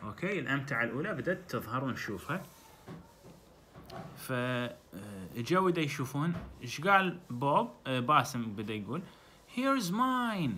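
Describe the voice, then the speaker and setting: A man's voice: mid-range voice, big pitch swings, pushed and bright, slight background noise. A man with an Iraqi Arabic accent, teaching English by reading a textbook story and explaining it in dialect. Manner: reads English lines slowly, then translates into dialect.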